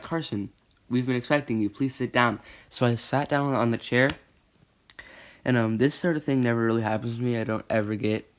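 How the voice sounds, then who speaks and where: A teenage boy telling a storytime vlog in a rambling, self-correcting way, often rising to agitated emphasis. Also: medium pitch.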